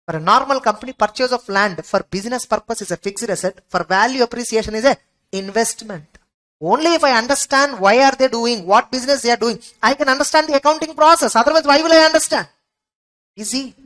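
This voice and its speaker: A woman's voice: a little high, quick pace, fairly bright tone, poor audio. A woman with a Tamil Indian accent lecturing a class, emphatic and repetitive, often checking understanding with rhetorical questions. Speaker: audit exam teacher.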